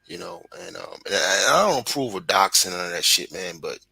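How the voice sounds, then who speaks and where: A man in his forties with a thick Brooklyn accent speaks bluntly and emphatically, swearing freely as a guest on a video call. His low voice is gravelly and bright. The sound is dry and close. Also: expressive, fairly quick, no echo, rough recording. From Brooklyn, New York. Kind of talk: casual livestream chat.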